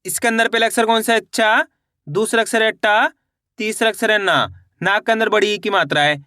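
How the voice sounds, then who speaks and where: A man with a high, bright voice sounds out words syllable by syllable, stopping to quiz the viewer. His voice is smooth and clear, recorded close and dry with no room sound. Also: fairly even intonation, dry recording. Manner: slow syllable-by-syllable, repeats questions to viewers. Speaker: Hindi reading teacher. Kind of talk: spelling-out reading lesson.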